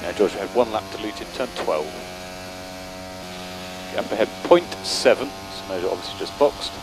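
Low-voiced male engineer on noisy race radio. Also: moderate pace. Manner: terse, matter-of-fact. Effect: race car radio. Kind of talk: race car radio instructions. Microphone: radio headset. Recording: noisy team radio, car noise.

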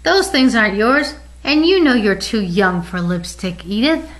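Stern fatherly teddy bear, as a woman puts him on, storybook, measured, firm. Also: medium pitch, very animated.

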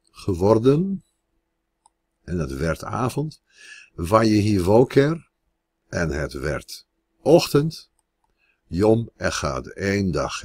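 A man with a very low, husky voice teaches Hebrew grammar at an unhurried pace. He talks slowly and deliberately and leans on each Hebrew term. The sound is dry and close. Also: darkish tone, dry recording. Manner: slow and deliberate, stressing Hebrew words. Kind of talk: grammar lecture.

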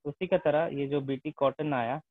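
A man's voice: a little high, fairly even intonation, normal speed. A male teacher lecturing a class, often dropping English terms into his speech and asking the students whether they follow. The sound is thin and phone-like, with a dry, close feel and no room echo. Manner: mixes English terms into Hindi, repeats tag questions.

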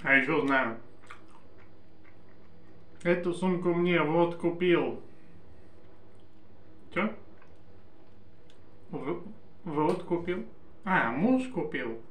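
A man chews food as he talks, slow and drawn-out, in a playful, joking manner. His voice sits a little high and rings in an echoey room. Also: animated, a bit bright. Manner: joking, playful, sings snatches of songs. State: chewing while talking. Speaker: mukbang vlogger. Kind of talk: casual chat while eating on camera.

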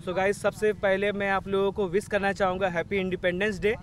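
A man with a high, fairly flat voice talks quickly and casually to his viewers, calling them guys in a chatty travel vlog. He's filming outdoors on a hill path beside a waterfall.

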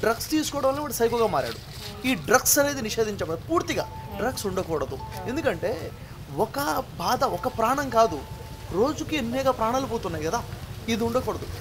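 A man's voice: extremely high pitch, sing-song, fast talker, a crowd in the background. A man giving an earnest motivational talk to a grieving family, preachy and full of rhetorical questions. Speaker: motivational speaker.

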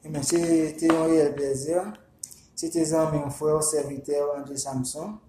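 A man with a Haitian accent, a vodou practitioner whose first language is Haitian Creole, giving casual spoken instructions in a halting, repetitive way and slowly chanting names. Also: a little high, level tone, echoey room, noisy background.

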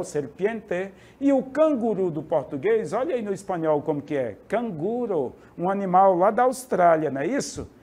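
A male teacher from Brazil with a high voice that swings up and down. He runs a lively vocabulary lesson and keeps turning to the class for agreement. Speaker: Spanish teacher.

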